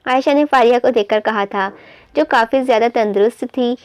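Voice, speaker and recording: A woman narrates a romance novel aloud, steady and even. Her voice sits fairly high. The recording is close and dry. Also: moderate pace, smooth, dry recording. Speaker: novel reader.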